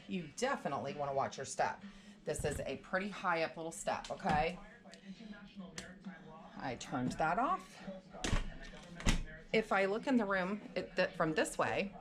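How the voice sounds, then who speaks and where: A woman vlogger chatting casually as she walks through and shows a room, a little out of breath. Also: lowish voice. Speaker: vlogger giving a room tour. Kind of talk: casual room tour narration.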